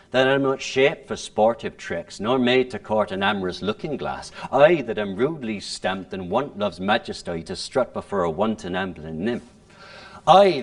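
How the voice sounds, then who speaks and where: A man's voice: medium pitch, vocal fry. A man playing a bitter, scheming misshapen king in a Shakespearean monologue, speaking in an original pronunciation accent with a sardonic, rolling delivery.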